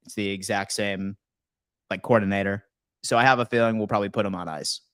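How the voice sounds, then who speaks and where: A man's voice: on the low side, fairly even intonation, a little fast, a bit bright, clean tone, dry recording. A man hosting a live call-in show, hyped and slangy, often calling people "man". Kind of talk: casual call-in chat.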